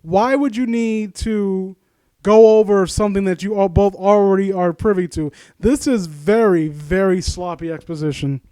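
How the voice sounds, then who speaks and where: With a high-pitched, dark, smooth voice at a moderate pace and no room sound, a man hosting a story critique series reads a story aloud and picks it apart bluntly and casually. He often stammers and rephrases, and swears a bit. Music plays in the background, and his new handheld mic is held unevenly, letting his voice drift soft.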